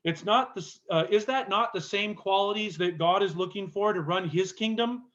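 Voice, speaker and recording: A man with a fairly high voice gives an earnest Bible class lecture, pausing to stress key words as he explains the text. The recording sounds dull and lo-fi, like a camp class session. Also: a bit bright.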